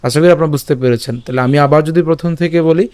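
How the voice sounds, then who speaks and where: A man's voice: a little high, a little mellow, no echo. A man teaching a scripture pronunciation lesson, patiently breaking a verse into syllables and repeating each part. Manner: slow syllable-by-syllable recitation; patient, repeats and checks with "ঠিক আছে". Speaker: Gita teacher.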